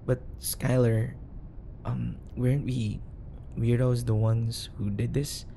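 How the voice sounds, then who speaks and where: In an audio roleplay, a man plays an awkward, eager, obsessive bodyguard sidekick who rambles, gets flustered and keeps correcting himself. His mid-range voice is mellow with vocal fry, delivered flatly and slowly, and a little hiss or hum can be heard.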